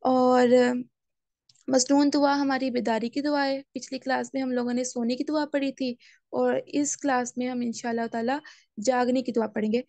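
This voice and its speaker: A woman teaching a Quran course class, explaining step by step and slowly reciting Arabic phrases. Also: high voice, level tone, darkish tone, no echo. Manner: explains step by step, asks class to raise hands. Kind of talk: online class lesson.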